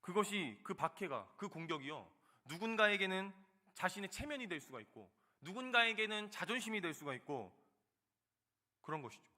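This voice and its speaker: A man in his thirties preaching a sermon, telling a personal story with loud emphatic bursts and soft quiet asides. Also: high-pitched, very animated, normal speed. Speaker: junior pastor. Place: church sanctuary.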